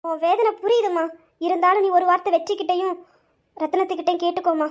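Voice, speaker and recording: A woman's voice: very high voice, steady tone. A woman voicing a reserved, firm older mother-in-law in an amateur audio drama. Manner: measured, refusing.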